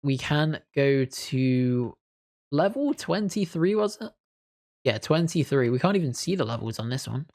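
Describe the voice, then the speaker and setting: An easygoing gaming video creator narrates his gameplay in casual commentary, chatting and thinking aloud with mild, understated reactions. His voice is medium-pitched and darkish, with lively intonation and a slightly slow pace.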